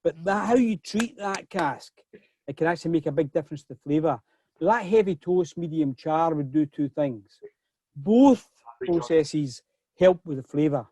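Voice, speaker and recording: A man's voice: on the high side, moderate pace, warm tone, slightly rough, no room sound. A middle-aged man hosting a whisky tasting over a video call, chatty and often repeating words as he starts a sentence. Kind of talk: casual online tasting talk.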